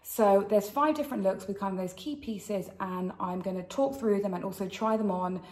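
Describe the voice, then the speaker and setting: A British woman chats to camera as a fashion vlog host. Wearing retainers slightly affects how she forms her words. Her voice sits at a middling pitch, with the noticeable echo of a kitchen around it. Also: normal speed, a little mellow. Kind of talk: chatty styling vlog. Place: indoors in a kitchen.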